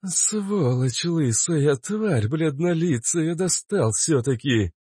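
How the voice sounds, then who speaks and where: Guy doing a tough fighter woman, slow groany cursing, bit higher than his voice. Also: animated, darkish tone, husky, dry recording, clean studio sound, heavily acted. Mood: pained.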